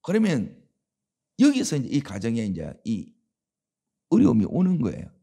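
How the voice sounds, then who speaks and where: A man's voice: medium pitch, huge pitch swings, normal speed, gravelly, mellow, breathy edge. A man preaching a dawn sermon as pastor, with a Gyeongsang Korean accent, talking conversationally and asking the congregation rhetorical questions.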